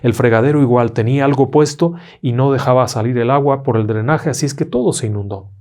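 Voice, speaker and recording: A male host telling ghost stories in a dramatic narrating voice of middle pitch. He drops to near whispers when the tension builds. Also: fast talker. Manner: dramatic, hushed in tense moments. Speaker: storyteller host.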